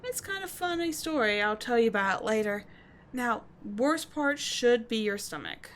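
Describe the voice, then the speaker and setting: This woman's voice sits on the high side and is very animated at a normal speed. She's performing an ASMR roleplay audio drama as a rough-edged but caring teenage delinquent schoolgirl, blunt and slangy yet soothing, with a casual, bossy, caring mood.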